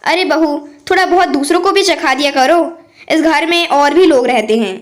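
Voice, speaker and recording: A woman's voice: sits high, normal speed, close to an everyday voice. A woman voicing a stern, suspicious older mother-in-law who scolds her household in a storybook tale.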